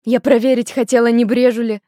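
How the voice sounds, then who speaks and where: Brash barefoot village girl, blurting and loud, a woman puts her on; dry close audiobook read. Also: fairly high pitch, level tone, fairly quick, dry recording, natural voice. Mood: excited. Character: feisty barefoot village girl, blunt and excitable. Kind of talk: audiobook character voice.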